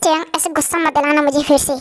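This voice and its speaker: Woman playing a jealous young husband in a fan dub, commanding and threatening, pitched well below her own high voice, dry close sound. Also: little pitch movement, fast talker, no echo, lightly acted. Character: cold, possessive young husband.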